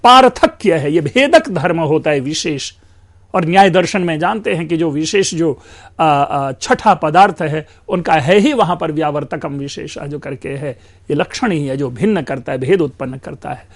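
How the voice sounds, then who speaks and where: Man teaching a language class, highish voice, slow careful explaining, drags out vowels to show them. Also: animated. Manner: explains slowly, drawing out sounds and mixing in English; addresses listeners as friends. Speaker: lecturer. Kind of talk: academic lecture.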